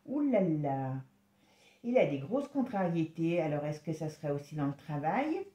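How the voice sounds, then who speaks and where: A woman giving a casual tarot reading, chatty and exclamatory, sometimes dropping to a soft murmur. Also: low-pitched, very animated, roomy sound, lo-fi sound. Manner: chatty, exclamatory, halting with restarts; drops to a soft murmur when concentrating. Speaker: tarot reader.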